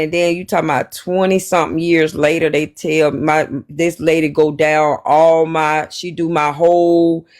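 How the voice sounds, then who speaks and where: A man's voice: on the high side, creaky. A man, telling his story in casual chat and preaching about planning for money.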